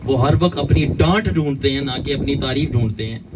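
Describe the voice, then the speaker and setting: A male pastor preaching a sermon emphatically, with a tinge and long pauses. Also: medium pitch, heavy background noise.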